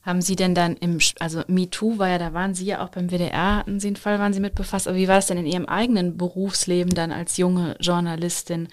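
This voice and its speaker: A woman's voice: on the low side, flat delivery, quick pace, few pauses, darkish tone. A woman interviewer who asks probing, searching questions and listens with brief murmurs.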